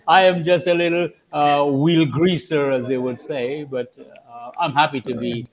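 A man's voice: on the high side, steady tone, a little slow, dull audio. A man chatting casually as a panel guest, hesitant and self-deprecating. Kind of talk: casual chat.

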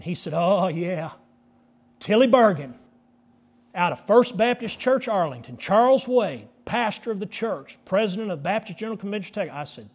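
A man's voice: on the high side, husky. A man, a pastor telling a personal story in a sermon and voicing the people in it. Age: 50s. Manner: animated storyteller, voices the people in his story.

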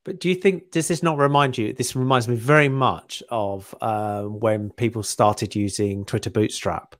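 A man's voice: lowish voice, normal speed, no room sound, studio quality. A man on a panel discussion who explains his point through long, meandering analogies. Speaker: podcast panelist.

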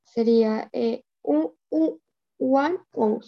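Young woman, slow halting learner, muffled lo-fi audio. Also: high voice, creaky. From Colombia. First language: Spanish. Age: 20s. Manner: hesitant, slow, halting answers with many fillers. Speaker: student. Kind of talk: English lesson practice.

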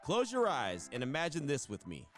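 Animated American male radio ad announcer. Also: on the high side, moderate pace, music in the background. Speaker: commercial announcer. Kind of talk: dramatic radio advertisement read.

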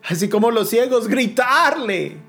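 A woman preaching a sermon, slow and emphatic, repeating key phrases for weight. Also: medium pitch, lively intonation, faint music behind.

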